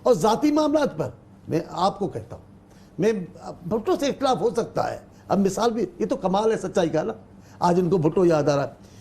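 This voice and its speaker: A male panel guest on a political talk show. His tone is dark and mellow but sits fairly high. He speaks in a measured, emphatic way with formal wording. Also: animated, breathy edge.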